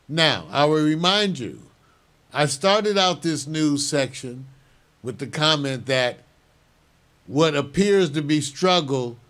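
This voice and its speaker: An older man hosting a show, giving measured, opinionated news commentary and chuckling now and then. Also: on the high side, a bit bright. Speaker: show host.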